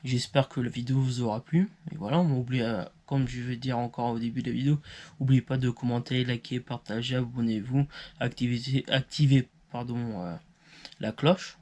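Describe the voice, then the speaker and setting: A man's voice: mid-range voice, fairly even intonation, a little fast, warm tone. Hesitant man explaining a topic. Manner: hesitant, many fillers and self-corrections. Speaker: YouTube channel host. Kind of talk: informal educational talk, partly read.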